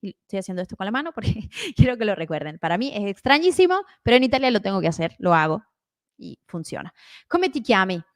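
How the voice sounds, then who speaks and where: A woman in her twenties with an Argentine accent, teaching a live online language class in a chatty, encouraging way. She slows down to spell out words carefully. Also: mid-range voice, sing-song, dry recording, clean studio sound. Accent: Argentine Spanish. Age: 20s. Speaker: Italian teacher.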